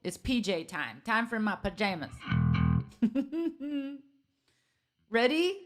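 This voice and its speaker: A woman's voice: fairly high pitch, sing-song, slow pace, no echo, faint music behind. A woman musician chatting casually with viewers on a live stream, thinking aloud, laughing often and joking at her own expense.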